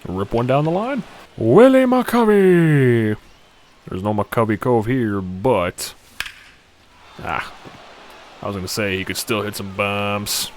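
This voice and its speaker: A young man giving excitable play-by-play commentary on a video game, shouting on big hits and muttering quieter asides. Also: on the low side, measured pace, long pauses, slight background noise. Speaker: gaming YouTuber.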